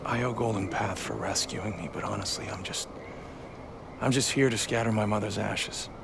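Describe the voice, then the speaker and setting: Low, gravelly reluctant young hero. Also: male voice, steady tone, normal speed, noisy background. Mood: hesitant. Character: reluctant, plain-spoken young male outsider hero. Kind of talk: game cutscene acting.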